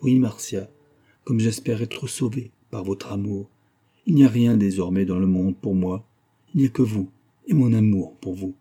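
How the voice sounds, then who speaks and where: A man voicing an anguished middle-aged gentleman in love, reading him passionately and pleadingly in an audiobook. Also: on the low side, normal speed, breathy edge. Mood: devoted.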